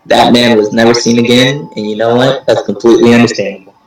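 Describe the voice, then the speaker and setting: A man co-hosting a podcast, teasing his friend with a laugh and wrapping up the episode. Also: mid-range voice. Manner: laughing, teasing, wraps up the show. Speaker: podcast co-host. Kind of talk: casual chat. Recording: very echoey, far from the mic.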